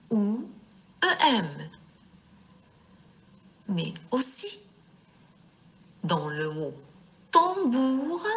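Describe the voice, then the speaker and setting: A woman teaching young children to read, speaking slowly and word by word, stressing each syllable, and addressing her pupils with affection. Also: mid-range voice, fairly bright tone. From Morocco. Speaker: primary school teacher. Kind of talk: slow reading lesson for young children.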